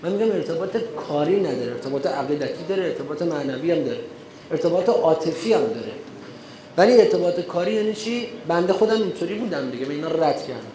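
Male cleric giving a lecture, kinda high voice, roomy echo, gets fired up and preachy. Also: lively intonation, dark tone, slight background noise. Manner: emphatic, rising to a preaching pitch when stressing a point. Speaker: cleric lecturing on running religious gatherings. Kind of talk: lecture with questions and answers.

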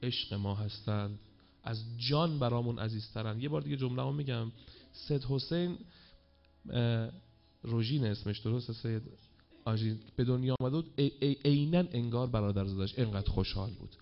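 A man leads a ceremony from the front, speaking with feeling and calling on the crowd to respond. His voice sits at a middle pitch. The recording is muffled and lo-fi. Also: soft background music. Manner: emotive, exhorting, calls for chants. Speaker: event host. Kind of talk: ceremony hosting speech to a crowd.

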